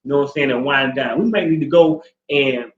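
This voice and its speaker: A man's voice: medium pitch, a little fast. A man in his forties, co-hosting a casual couple chat, talking in a laid-back, rambling way with lots of fillers. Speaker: co-host. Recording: echoey room, dull lo-fi sound.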